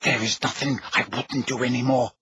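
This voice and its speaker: A man reading an audiobook, voicing a desperate witch who speaks in a strained, breathy hush. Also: a little high, huge pitch swings, normal speed, no room sound, pitched above the performer's own voice, full character voice. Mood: tense. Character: desperate pale adult witch, tense and secretive.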